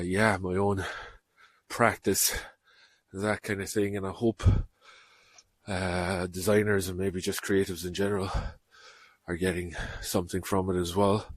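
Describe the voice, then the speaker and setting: A man's voice: on the low side, no room sound. Rambling man hosting a podcast. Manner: rambling, chatty, self-deprecating. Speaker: podcast host. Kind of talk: casual podcast outro. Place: outdoors on a walk.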